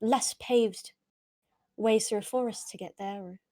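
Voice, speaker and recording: A woman's voice: medium pitch, unhurried, warm tone. A woman casually improvising questions as a player in a tabletop role-playing game.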